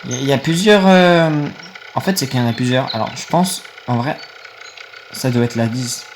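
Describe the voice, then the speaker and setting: A young man gives casual gameplay commentary while playing on his phone, rambling to his viewers and quickly getting irritated. As a gaming video creator, he talks at medium pitch and moderate pace, with a little hiss or hum in the background.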